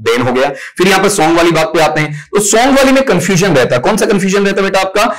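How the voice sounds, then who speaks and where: Man teaching with a fairly high voice. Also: very animated, rapid-fire, rough recording. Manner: explains step by step, asks and answers own questions, calls students "beta". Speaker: English teacher. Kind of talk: exam-prep lecture.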